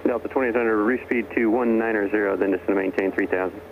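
Engine noise hums beneath a narrowband aviation radio transmission in which a man, working as an air traffic controller, rattles off clipped procedural instructions. His voice is fairly low, his tone steady, and he talks fast.

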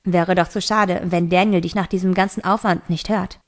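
A woman voicing a hostile young man who speaks curtly in a lowered voice. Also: normal speed, lightly acted. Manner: lowered, curt, brusque. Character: gruff hostile young man, cold and curt.

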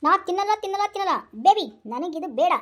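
A woman plays a whiny, henpecked young husband in a comedy sketch. He pleads and protests at high pitch, saying the same thing over and over in a quick, breathless rush. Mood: protesting. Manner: pleading, protesting and repeating himself. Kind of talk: comic sketch acting.

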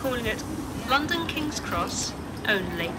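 A woman's recorded voice making train station announcements over loudspeakers, slow and measured, her words evenly spaced. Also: on the high side, very animated, heavy background noise. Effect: train station public address announcement over loudspeakers. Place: railway station platform.

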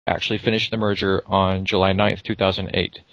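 Male co-host, low bright voice, rambles and loses the thread. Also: little pitch movement, brisk, gravelly, no echo, muffled recording. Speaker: podcast co-host. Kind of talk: casual gaming podcast chat.

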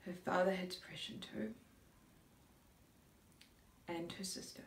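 A woman's voice: on the low side, fairly even intonation. A middle-aged woman playing a grieving, bewildered mother in a dramatic monologue, a searching soliloquy that halts and gropes for words. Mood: subdued, searching. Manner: searching soliloquy, halting with long pauses, groping for words. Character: grieving mother recalling her daughter's decline, subdued and bewildered. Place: indoor room before a curtain, recorded from a few feet. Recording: roomy echo, distant microphone.

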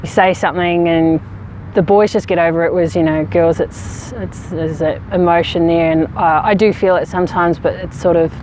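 A woman in her thirties from New Zealand, a rugby player answering interview questions outdoors in a frank, relaxed way with many fillers. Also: on the low side, moderate pace, a little hiss or hum, rough recording. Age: 30s. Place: outdoors on a sports field. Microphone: camera at medium distance.

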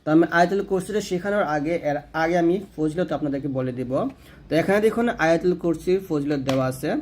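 Bengali man teaching slow Quran recitation. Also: fairly high pitch, darkish tone, slight background noise. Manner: explains patiently, then recites slowly with drawn-out vowels. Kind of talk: spoken lesson on correct recitation.

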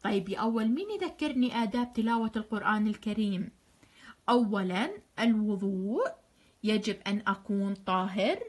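A woman's voice: medium pitch, fairly quick, darkish tone. A woman teacher with a Jordanian accent reviews grammar for first graders, praising them often and stretching out example words. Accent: Jordanian Arabic. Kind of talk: recorded online grammar review lesson.

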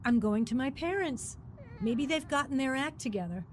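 An actress narrates a radio drama and also plays its lead, a troubled young mother leaving her husband, sounding upset and close to tears. Her high-pitched voice is expressive at a normal speed, with a faint hiss or hum in the background.

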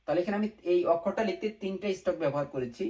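A man's voice: sits high, expressive, racing, warm tone, rough recording. A man teaching a beginner language lesson, narrating his writing stroke by stroke and often asking and answering his own questions. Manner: mixes English words into Bengali.

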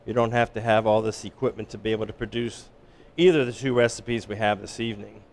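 A man working as a chef instructor, giving a relaxed, explanatory cooking demonstration in an instructional kitchen. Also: fairly low pitch, quick pace. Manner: relaxed, explanatory, with frequent restarts.

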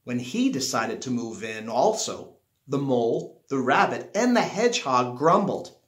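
In a small living room at home, a middle-aged man reads a children's picture book aloud, stressing and stretching key words like a storyteller. His medium-pitched, fairly bright voice is very animated yet unhurried, and the recording is roomy and echoey.

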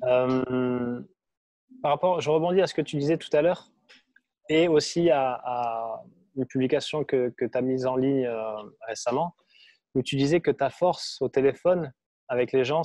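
A man's voice: mid-range voice, normal speed, a little mellow, no echo. Host guy in a hotel room, kinda hesitant, dry close sound. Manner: hesitant, restarts phrases. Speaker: interview host. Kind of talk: casual video-call interview.

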